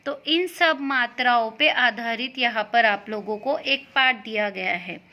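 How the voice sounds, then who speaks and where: A woman's voice: on the high side, unhurried, muffled recording. A woman teaching a lesson to young children, patient and spelling out each sound.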